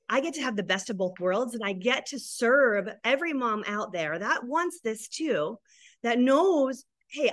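An upbeat woman coach from Arizona, USA, speaks in a mid-range voice on a dry mic with no room sound. She's a guest on a casual podcast who coaches moms in business, warm and enthusiastic, turning emotional and tearful as she tells her story.

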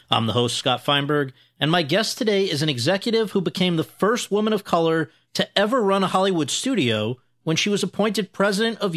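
A man's voice: a little high, a bit bright. A man hosting an awards podcast, reading a formal introduction and then interviewing his guest. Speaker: podcast host.

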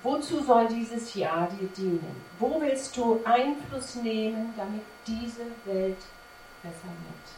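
Preaching slowly to her congregation during a church service, a woman sounds animated and emphatic, leaning on rhetorical questions. Her fairly high voice has a darkish tone, and the clip is recorded from a distance in an echoey room with faint ambience and slight background noise.

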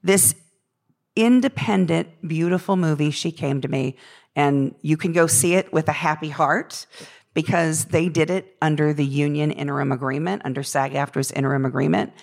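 A woman with a gravelly, tired voice worn from a late night, speaking off the cuff as a union representative in an earnest, halting, discursive way. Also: deep voice, steady tone, a little mellow. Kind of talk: unscripted spoken remarks on union issues.

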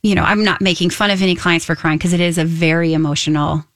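A woman's voice: on the low side, fairly even intonation, fast, no room sound. A woman co-hosting a nutrition radio talk show in a chatty way, often chiming in to agree.

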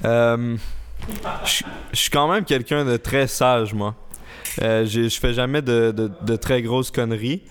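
A 21-year-old man from the Laurentides with a Quebec French accent, chatting casually as a podcast guest, relaxed and unhurried with frequent hesitations. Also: medium pitch, slight background noise.

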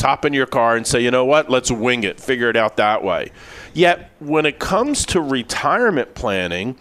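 Emphatic man, radio finance host. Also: medium pitch. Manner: emphatic, repeats words for stress. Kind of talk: radio show conversation.

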